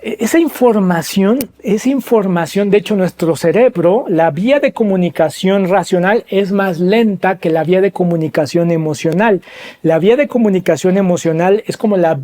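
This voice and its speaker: A man hosting a podcast, telling a story and asking the listeners rhetorical questions as he explains. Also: warm tone. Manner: acts out quoted voices with pitch jumps. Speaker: podcast host.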